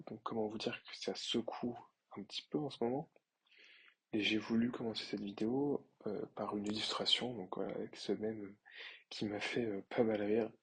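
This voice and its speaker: A young man giving a casual, hesitant commentary with many pauses and fillers. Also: lowish voice, slight background noise, low-quality recording. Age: young adult. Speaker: finance vlogger. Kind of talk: casual screen-share commentary.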